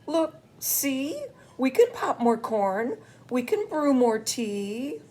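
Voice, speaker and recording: A woman's voice: sits high, big pitch swings, takes it slowly, dark tone, pitched above the performer's own voice, full character voice. An older woman voicing a small, brave and kind mouse who soothes a friend in a storybook. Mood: soothing. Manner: soothing, coaxing.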